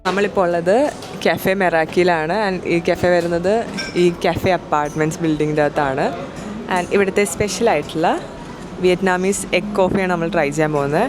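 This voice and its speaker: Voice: medium pitch, fairly even intonation, fairly quick, music in the background. Malayali travel vlogger mixing Malayalam and English. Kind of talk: travel vlog narration, casual chat. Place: busy city streets and a cafe. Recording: noisy outdoor city traffic behind.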